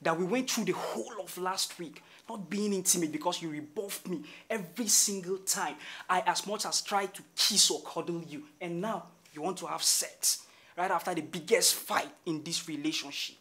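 An exasperated boyfriend. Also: male voice, sits high, normal speed, sharp tone, breathy edge, heavily acted. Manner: earnest, pleading, rising to exasperation. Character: frustrated young man who wants to talk things out. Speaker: live-in boyfriend. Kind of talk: short film drama.

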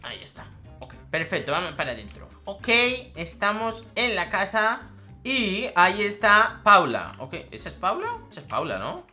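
Lively, bright-voiced gamer woman. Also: medium pitch, normal speed, soft background music. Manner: chatty, repeats phrases, bursts into squeals and laughs. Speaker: gaming YouTuber. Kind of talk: excitable gameplay commentary.

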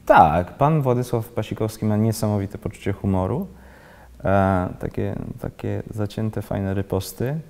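A man in his thirties who grew up in Switzerland, an actor being interviewed, talking haltingly and restarting often as he searches for words. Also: lowish voice, creaky, dark tone, in a large hall. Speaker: actor, guest. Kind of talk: casual interview talk. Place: indoor library room with bookshelves, seated in armchair.

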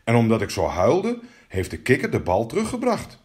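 Man doing a whiny young princess, stammers, big swoops in pitch. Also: wildly swooping pitch, normal speed, darkish tone. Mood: pleading. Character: young princess, spoiled and fearful.

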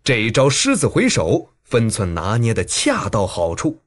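A man narrating a martial-arts audiobook with dramatic, animated delivery. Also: moderate pace. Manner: dramatic, highly animated reading.

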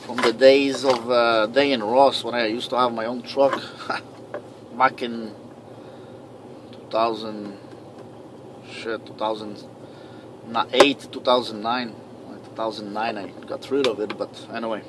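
This is a night-time vlog diary from a truck cab: a Canadian man in his thirties with a foreign accent, English being his second language, rambles, swears and jokes at his own expense. His mid-range voice stays fairly even, unhurried, broken by long pauses, and the background is noisy.

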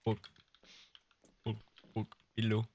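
A man's voice: fairly low pitch, monotone, slow, darkish tone. A man chatting casually with friends during a game. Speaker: gamer, friend in group. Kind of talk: casual gaming chat. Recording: noisy mic with keyboard typing.

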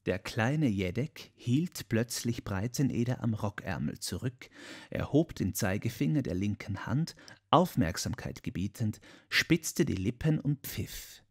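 A man reading a classic story aloud as an audiobook narrator, measured and storytelling. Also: on the low side, expressive, husky.

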